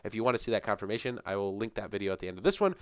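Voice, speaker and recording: A young channel host gives a chatty, enthusiastic rundown to camera, heavy on fillers and sounding a little sick, using a headset mic in a small room at home. His lowish voice swings widely in pitch and comes out rapid-fire, clean-toned but dull in a dry recording.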